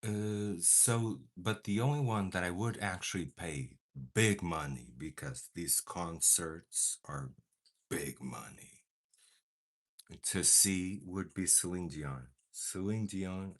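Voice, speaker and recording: Speaking slowly in a low but fairly bright voice, a young Portuguese-native beauty vlogger chats as he applies makeup. Every so often he erupts in exaggerated, mock-outraged drama.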